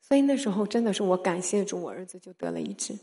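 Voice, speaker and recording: Animated woman preaching a testimony. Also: medium pitch, fast talker. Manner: animated storytelling, swings from soft to loud emphatic; mixes in English words. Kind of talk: sermon testimony.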